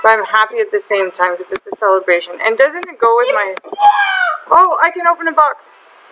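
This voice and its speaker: A high-pitched woman talks through her gameplay in a chatty, excitable way, getting fed up with other players. A faint hiss and mouse clicks sit under her voice. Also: normal speed. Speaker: gaming video host. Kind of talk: casual gameplay commentary.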